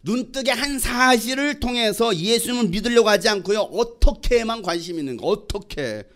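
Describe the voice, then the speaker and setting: A man preaching a sermon as pastor, questioning the congregation and acting out quoted exchanges in a lively way. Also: extremely high pitch, brisk.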